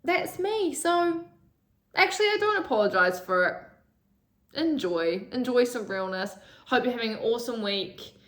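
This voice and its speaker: Young woman, raw confessional vlogger, swears freely, slightly high voice, phone in a roomy space. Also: expressive, moderate pace, fairly bright tone. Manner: raw, emotional, swears often. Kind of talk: candid confessional vlog. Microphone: phone camera.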